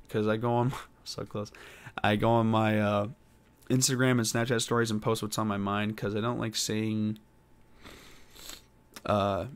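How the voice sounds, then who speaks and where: A young man hosting his own podcast alone, talking in a rambling, hesitant way with many pauses and fillers. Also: fairly low pitch, smooth. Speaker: podcast host. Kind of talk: casual solo podcast monologue.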